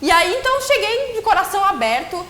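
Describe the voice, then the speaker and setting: A woman's voice: extremely high pitch, very animated, quick pace, sharp tone, roomy sound. A woman, a guest film critic, talks about a film in casual panel chat, thinking aloud with fillers.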